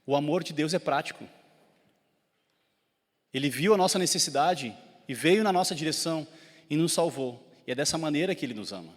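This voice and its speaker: Gaúcho pastor preaching in a reverberant hall. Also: male voice, on the high side, animated, fairly quick, pauses often. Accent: Gaúcho Brazilian Portuguese. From southern Brazil (Rio Grande do Sul). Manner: preaching with swells of intensity, asking the congregation questions. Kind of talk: sermon. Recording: long church hall reverb.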